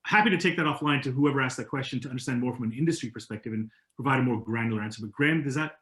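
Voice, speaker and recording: A man speaking as a guest in a webinar, talking casually with quick asides and restarts over a video call. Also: mid-range voice, a bit bright. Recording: roomy echo.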